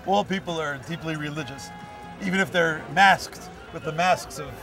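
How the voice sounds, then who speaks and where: A man's voice: a little high, normal speed, over music. A man, a rabbi, giving a holiday video message outdoors in a city, teaching through stories and Hebrew quotations.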